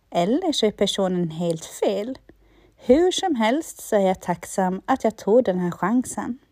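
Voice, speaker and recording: Woman guide for affirmations, unhurried and soothing, dark mellow voice, dry recording. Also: mid-range voice, dry recording. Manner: slow, calm, repeats lines for the listener.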